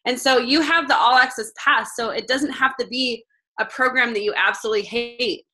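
A woman fitness coach talks casually and encouragingly to her team, with plenty of fillers. Her voice sits a little high and sounds bright and sharp. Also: moderate pace, poor audio. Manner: chatty, lots of fillers.

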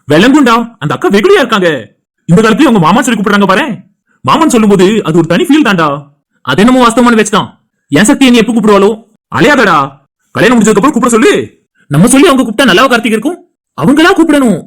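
Young male friends bantering in a homemade cartoon, voiced by one performer, talking fast in a Tirunelveli Tamil accent. The chatter is casual and teasing. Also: medium pitch, fairly bright tone. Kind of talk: cartoon voice acting.

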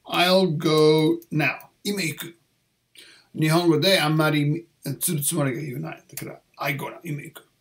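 Here a man teaches English test answers at a relaxed pace, repeating each phrase carefully and mixing English with Japanese. His voice runs a bit high for a man, and his tone is steady, with some vocal fry.

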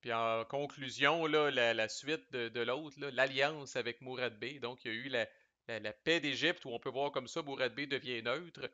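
Québécois male reviewer, bright and forceful delivery, chatty and slangy, dry slightly muffled recording. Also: medium pitch, normal speed, dry recording. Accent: Québécois French. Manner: chatty, loose, sprinkles English game terms and salty slang. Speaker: board game reviewer. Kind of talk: casual explanatory commentary.

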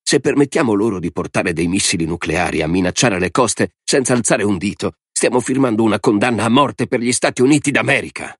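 Man voicing a hawkish general, blunt and urging, lowish voice, dry close sound, audiobook. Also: lively intonation, a little fast, few pauses, breathy edge, no room sound.

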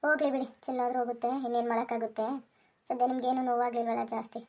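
A woman voicing a sharp-tongued village wife in a cartoon who scolds her husband. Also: fairly high pitch, flat delivery, racing. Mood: soothing. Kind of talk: Kannada cartoon voice acting.

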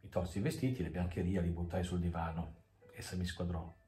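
A man reading a story aloud as a narrator, measured and dry, in an echoey room with faint music. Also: low voice, flat delivery, mellow. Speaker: audiobook reader. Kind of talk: scripted narration.

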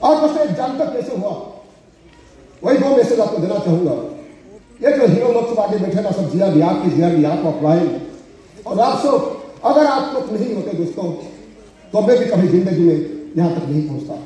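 On a large auditorium stage, a motivational speaker at a business seminar, a middle-aged man with an Odia accent, rouses a big audience in a mix of Hindi and English, prompting applause. He sounds high-pitched, animated and dark in tone at a normal pace. The echoey hall and distant handheld mic put the crowd behind him.

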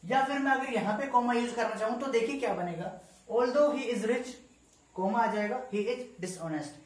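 A man teaching grammar, talking slowly and deliberately, dictating example sentences word by word and often checking that the class follows. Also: very high voice. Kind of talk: explaining grammar in a lesson. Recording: echoey room, far from the mic, faint ambient noise.

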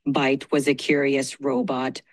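A metallic cyborg narrator, put on by a woman's AI voice, tells a bedtime tale in clipped, mechanical phrases. The voice sits low and moves slowly, and each line rises and falls in wide swings. The sound is dry and close, with no room around it. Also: no echo. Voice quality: flat, clipped robotic delivery. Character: dramatic robot storyteller, metallic cyborg voice. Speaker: AI voice assistant. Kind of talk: bedtime story in a put-on robot voice.

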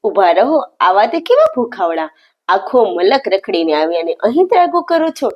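A woman's voice: medium pitch, huge pitch swings, normal speed, lo-fi sound. A woman voicing a devoted village mother who scolds the lord lovingly and emotionally. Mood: scolding.

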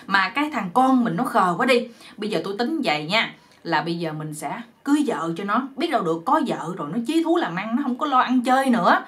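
A woman's voice: medium pitch, big pitch swings, quick pace, a bit bright. A woman with a Southern Vietnamese accent voicing a doting old village mother who fusses and complains. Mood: fussing. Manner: fussing, exasperated.

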